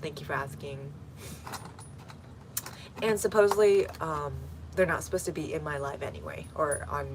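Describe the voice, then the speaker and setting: A woman with a low voice chats through a livestream from her home garden, answering viewer comments one at a time with easy fillers. She talks outdoors into a phone, and steady outdoor noise runs clearly beneath her voice. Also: poor audio. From Texas, United States.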